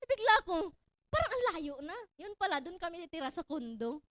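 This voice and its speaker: Young woman from Cebu, very high voice, bright and sharp, animated storytelling, dry close sound. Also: normal speed, dry recording. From Cebu, Philippines. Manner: lively, laughing, often raises her voice to exclaim. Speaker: speaker sharing her story.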